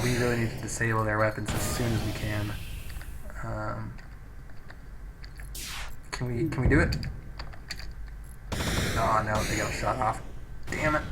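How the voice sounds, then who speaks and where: The audio is very noisy as a man with a fairly low-pitched voice hosts a let's play. Speaking casually into a poor-quality microphone, he thinks aloud and reads out game text.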